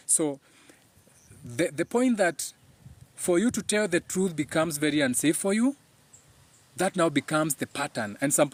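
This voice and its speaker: Hosting a live talk in an informal way, this mid-range-voiced Kenyan man, a native Kikuyu speaker, gets emphatic and preachy and keeps circling back to the same phrases.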